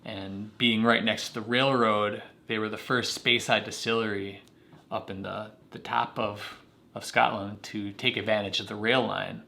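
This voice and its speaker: A man's voice: lowish voice, flat delivery, moderate pace, gravelly, bright, forceful tone. A man co-hosting a casual whiskey tasting, explaining distillery history with dry jokes.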